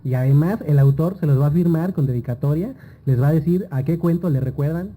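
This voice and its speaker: A man's voice: fairly high pitch, a little fast, dark tone, low-quality recording. A man presenting a book at a launch event, speaking persuasively and straight to the audience. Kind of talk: promotional talk at a book launch. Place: festival event before a live audience.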